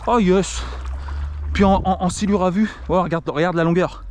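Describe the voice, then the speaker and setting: A young man from France kayak fishing on a river, giving excited vlog commentary to an action camera and talking to the fish. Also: high-pitched, normal speed, a little hiss or hum. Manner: excitable, exclaims constantly, talks to the camera and the fish. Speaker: kayak angler filming himself.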